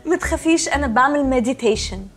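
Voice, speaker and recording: A woman's voice: sits high, expressive, fast talker, faint music behind. An actress with an Egyptian accent playing a fussy, pretentious young woman who sprinkles English words into her speech. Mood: snooty. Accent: Egyptian Arabic. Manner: snooty, mixes in English words. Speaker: sitcom character. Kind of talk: sitcom acting.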